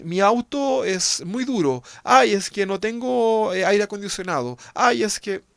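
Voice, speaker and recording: A man's voice: sits high, animated, measured pace, gravelly, dry recording, clean studio sound, voice pushed up, heavily acted. A man preacher voicing a whiny complaining churchgoer with sighing, sing-song complaints. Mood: whining. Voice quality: whining sing-song sighs.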